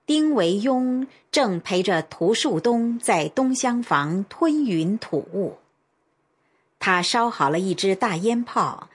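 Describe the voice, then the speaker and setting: A woman narrating a story in a measured, expressive way. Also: mid-range voice, breathy edge.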